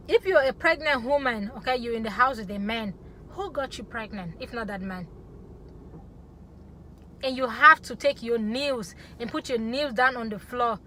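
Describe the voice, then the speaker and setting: A woman's voice: a little high, pushed and bright, slight background noise. A woman from Africa talking passionately to camera, emphatic and punctuating her points with "okay?". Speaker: vlogger. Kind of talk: opinionated talk to camera.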